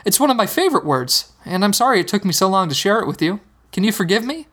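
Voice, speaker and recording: A storyteller voicing an eager, excitable young boy who talks brightly and quickly. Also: medium pitch, pitched above the performer's own voice. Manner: bright and eager, talking fast.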